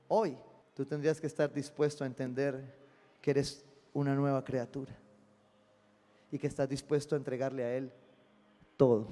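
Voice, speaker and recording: A man, a pastor preaching a lively sermon and acting out little dialogues. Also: medium pitch, in a large hall. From Colombia. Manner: animated preaching, acting out dialogues with God and listeners. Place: church sanctuary.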